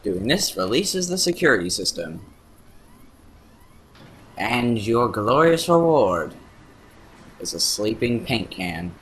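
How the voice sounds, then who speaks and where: A man's voice: lowish voice, very animated, slow, pauses often, fairly bright tone, a little hiss or hum. A man giving casual, joking commentary as he plays through a video game. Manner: sarcastic and joking. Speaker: let's play commentator.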